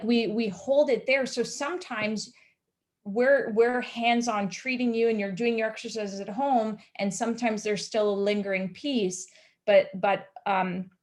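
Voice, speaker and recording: A woman's voice: medium pitch, fairly even intonation, normal speed. A woman physiotherapist in her thirties talking frankly on a video call panel, with plenty of "like" and "you know". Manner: frank, filler-heavy, many "like" and "you know". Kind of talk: casual panel chat.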